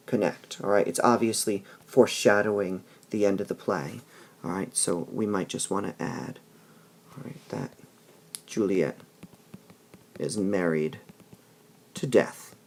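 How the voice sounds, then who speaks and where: With a lowish voice touched by vocal fry, a man teaches a literature lesson. He explains patiently, reads passages aloud, and often checks in with "all right?" between them.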